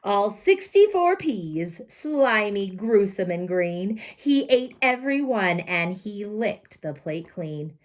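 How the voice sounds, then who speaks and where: Slow, expressive woman reading a story. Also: mid-range voice. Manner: slow, expressive, sing-song rhythm. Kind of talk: reading a children's picture book aloud.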